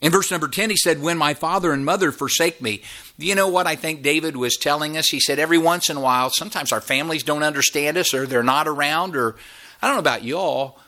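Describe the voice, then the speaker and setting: Bright-voiced preacher man in his fifties. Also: on the high side, fast talker. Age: 50s. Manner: preaching with sweeping rises and drops in voice. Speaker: pastor. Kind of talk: sermon.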